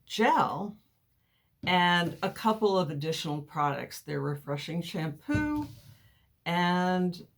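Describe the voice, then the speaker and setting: A woman with a low voice explains products to her viewers in a video review. She speaks slowly and plainly, and a mild lisp makes her words sound a little padded. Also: animated. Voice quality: slight lisp, as if cotton in the mouth. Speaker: YouTube beauty and hair product reviewer. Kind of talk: sponsored product review to camera.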